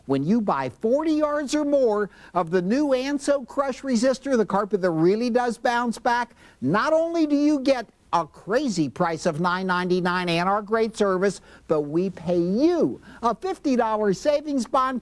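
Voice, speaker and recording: A man pitching a sale as the announcer of a local retail commercial, in a folksy hard-sell style.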